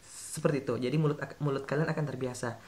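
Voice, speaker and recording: A man's voice: medium pitch, fairly even intonation, quick pace, a little mellow. A man talks viewers through study tips as an English tutor. His delivery is casual and chatty, and he often stops to correct himself mid-sentence. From Makassar, Indonesia. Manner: chatty, addresses viewers directly, frequent self-corrections. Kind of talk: casual teaching vlog.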